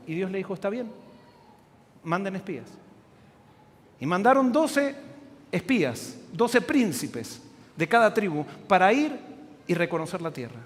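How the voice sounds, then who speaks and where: A male pastor preaches with a strikingly high voice, retelling scripture as an animated story and firing questions he answers himself. The sound rings with a long hall reverb. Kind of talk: sermon, storytelling Bible narration.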